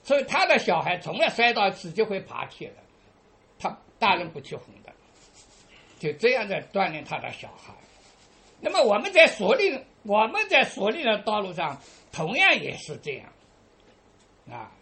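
A woman preaching a sermon to her congregation, padding phrases with drawn-out "ah" fillers and asking listeners rhetorical questions. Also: mid-range voice, huge pitch swings, a bit bright.

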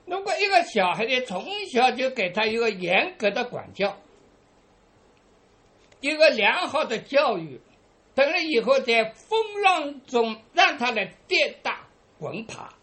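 A woman preaching a sermon to her congregation, padding phrases with drawn-out "ah" fillers and asking listeners rhetorical questions. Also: a little high, very animated, fairly bright tone.

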